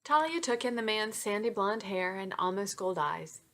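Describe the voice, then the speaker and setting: A woman's voice: mid-range voice, expressive, moderate pace, fairly bright tone. A woman author, chatty and self-deprecating, reading from her own romance novel into a webcam. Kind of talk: chatty intro then novel reading aloud.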